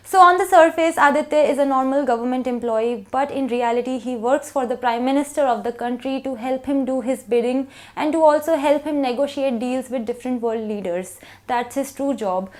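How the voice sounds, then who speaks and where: A young woman from India speaks with an Indian English accent in a noticeably high voice. She walks through a book review in an earnest, even, explaining way, starting many sentences with "so".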